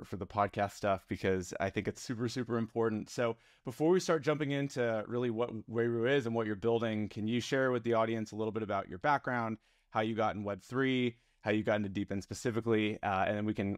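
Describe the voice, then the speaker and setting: A man's voice: on the low side, a little fast, dry recording, studio quality. A man hosting a podcast, introducing his guest in an upbeat, friendly way. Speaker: podcast host.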